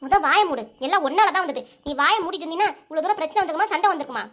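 A woman voicing a middle-aged aunt and mother in a cartoon, speaking with a Tirunelveli Tamil accent and nagging quickly. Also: sits high, fairly bright tone. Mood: scolding. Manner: pleading then scolding, rapid.

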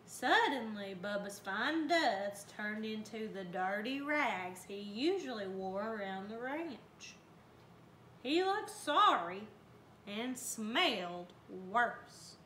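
Lively, bright-voiced woman storyteller. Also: medium pitch, slow. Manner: expressive, folksy storytelling. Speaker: volunteer reader. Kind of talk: storybook read aloud. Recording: roomy, faint background noise.

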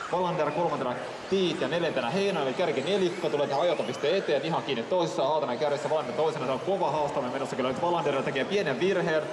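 A man with a slightly high voice calls a radio-controlled car race, steadily ticking off positions. His voice rings through a huge echoey exhibition hall. Buzzing model cars and hall noise fill the background. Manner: steady running play-by-play, listing positions. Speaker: race commentator. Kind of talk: live race commentary. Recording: echoey hall, noisy PA sound.

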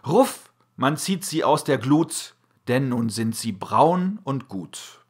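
A man reads a rhyming children's tale aloud like a storyteller. His voice is husky and his pace is slow. Pitch rises and falls widely, and sound words are called out loudly. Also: sing-song. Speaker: narrator reading a children's verse tale. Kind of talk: expressive storybook reading.

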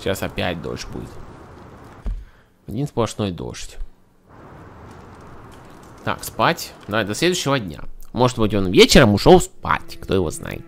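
A man's voice: fairly low pitch, wildly swooping pitch, a little slow, creaky, pauses often, a little hiss or hum. A man giving casual let's-play commentary, talking to himself in colloquial speech with mild grumbling. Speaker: gaming video host. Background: game ambience with horse hooves.

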